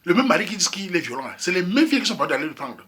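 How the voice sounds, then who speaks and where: A Cameroonian YouTube commentator based in Europe gives a casual opinion monologue about a couple's problems, emphatic and repetitive, often addressing his listeners directly. His high-pitched voice is husky, pushed and bright, very animated and racing.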